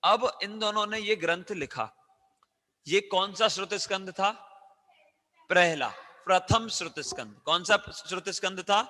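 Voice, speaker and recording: A man with a high, piercing voice teaches a children's class, asking questions again and again and pushing the kids to answer louder. His voice rings through a hall with a long, echoing reverb. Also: unhurried. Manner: loud, coaxing, quizzing children with call-and-response questions.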